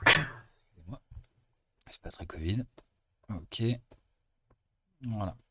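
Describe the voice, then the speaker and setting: Low-voiced man explaining code. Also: lively intonation, pushed and bright, breathy edge, no room sound. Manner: casual, chatty explaining with frequent pauses. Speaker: teaching assistant. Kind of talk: screen-recorded coding lesson.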